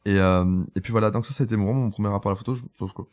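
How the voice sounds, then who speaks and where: Rapid-fire and lowish, with fairly even intonation and a darkish tone, this guest photographer speaks French on a casual podcast. He's an Italian man in his twenties, a native Italian speaker, recounting his story openly with lots of fillers and restarts.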